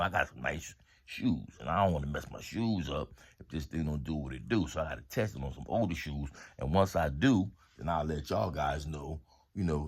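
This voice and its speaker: A man's voice: a bass voice, breathy edge. A man casually showing off home products in a haul video, talking to his viewers in a laid-back, slangy way. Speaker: vlogger reviewing home products.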